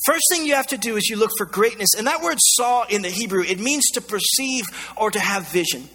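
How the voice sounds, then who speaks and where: A man with an American accent preaches a sermon in a high, expressive, pushed and bright voice, speaking fairly quickly in an emphatic, colloquial style and repeating phrases. His voice is slightly rough, scratchy and strained, going hoarse, and long hall reverb surrounds it.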